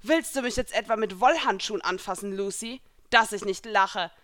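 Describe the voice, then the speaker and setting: A woman's voice: mid-range voice, moderate pace, fairly bright tone, no echo, studio quality, close to an everyday voice. A woman reading a fan story aloud and voicing a proud, stern young woman warrior in armor, with a scornful, commanding manner. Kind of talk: fan fiction audiobook reading.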